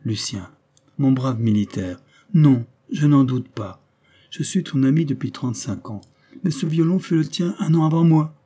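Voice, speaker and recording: Gentle, emotional aging count and general, earnest and pleading, in a husky voice, read by a male storyteller. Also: medium pitch, animated, moderate pace, voice pushed up, close to an everyday voice. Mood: tender. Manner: raises voice above the narration, earnest.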